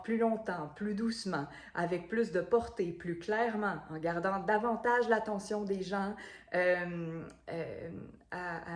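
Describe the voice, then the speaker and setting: Echoey-room woman voice coach. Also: medium pitch. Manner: explanatory, many fillers and repeated words. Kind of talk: instructional video talk.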